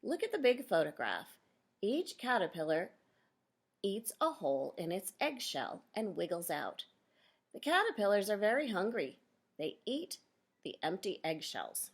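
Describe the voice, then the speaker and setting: Her voice lowish and slightly rough, a woman reads children's nonfiction aloud in a teacher's manner, breaking off to explain and directly quiz the kids listening.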